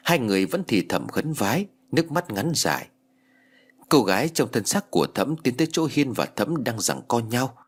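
Expressive male audiobook narrator, husky, animated delivery. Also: medium pitch, normal speed. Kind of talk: scripted story narration.

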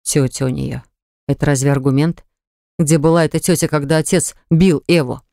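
A man reading an audiobook, voicing a stubborn young man who slowly and insistently presses his point. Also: steady tone, vocal fry, warm tone, dry recording. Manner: low, slow, persuasive and pressing. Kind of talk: audiobook character voice. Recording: dry close studio recording.

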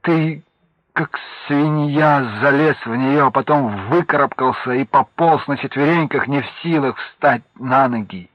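A man reading an audiobook and voicing a young wife, tearful and bitter, scolding her husband in a husky voice. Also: medium pitch, measured pace, no room sound, voice pushed up, lightly acted. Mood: bitter reproach. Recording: dull lo-fi audiobook recording.

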